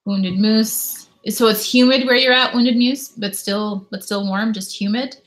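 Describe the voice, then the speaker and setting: A Canadian woman in her thirties hosts a casual live stream from home on YouTube, reading out viewers' comments and chatting with them. Her voice is slightly high and unhurried, with fairly even intonation.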